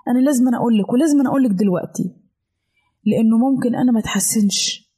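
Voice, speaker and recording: A woman's voice: fairly high pitch, racing, mellow, husky. A woman with an Egyptian Arabic accent voicing a stubborn, sick little girl in a storybook tale, pleading and whiny.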